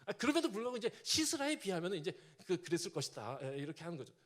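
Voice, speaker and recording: High, lively Korean-style pastor preaching. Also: male voice, very fast. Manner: animated storytelling, acting out quoted lines. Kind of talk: sermon.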